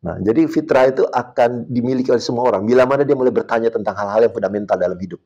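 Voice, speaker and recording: A man talks on a podcast, telling a story with lively swings in pitch and loudness. He acts out the voices of the people he quotes and slips English words into his talk. He speaks as a martial arts coach. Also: rapid-fire, dull audio. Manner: mixes English words into speech.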